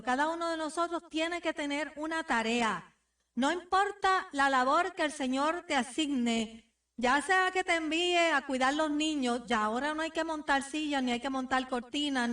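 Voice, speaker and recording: A woman's voice: high-pitched, fairly bright tone. A woman pastor preaching a sermon, exhorting the congregation directly with repeated phrases. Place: church sanctuary. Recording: voice somewhat distant from the mic.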